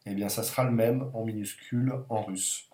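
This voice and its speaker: Male language teacher, lower pitch, calm and reassuring, spelling out each letter. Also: normal speed, roomy sound. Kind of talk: video lesson on the Russian alphabet.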